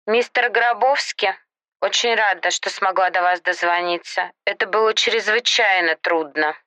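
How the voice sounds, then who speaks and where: A man's voice: high voice, normal speed, bright, forceful tone, clear, resonant tone, dry recording, pitched above the performer's own voice. A man voicing a poised, bold young corporate woman in an audio story, polite, insistent and businesslike. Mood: smooth, insistent.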